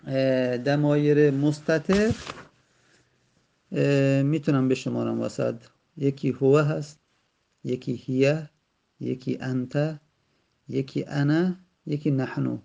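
A man with a mid-range, mellow voice and some vocal fry teaches Arabic grammar in a patient lesson, leaving long pauses. He speaks directly to the student, repeating and rephrasing each term, and the recording is dull and lo-fi.

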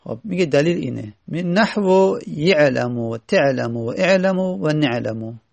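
A man's voice: on the high side, animated, creaky, darkish tone, no echo, highs cut off. A male teacher giving a classroom lecture, reading lines from a grammar text and then patiently explaining each one in plain words, often asking the class rhetorical questions.

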